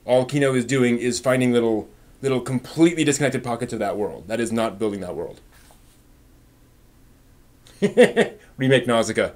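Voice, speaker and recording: A man with a medium-pitched voice hosts a casual live stream, answering viewer comments. He pauses to think and delivers firm, emphatic opinions.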